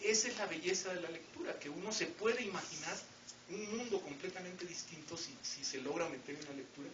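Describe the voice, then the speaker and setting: A middle-aged man with a Mexican accent lecturing students in an academic talk, with wry joking asides and frequent rhetorical questions. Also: on the high side. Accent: Mexican Spanish. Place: lecture hall with audience. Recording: roomy, distant, dull, noisy lecture hall recording.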